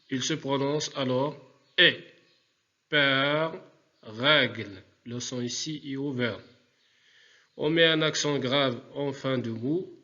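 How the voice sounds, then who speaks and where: A man teaching a remote spelling lesson to pupils, speaking deliberately and repeating words for dictation. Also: medium pitch, sharp tone, muffled recording.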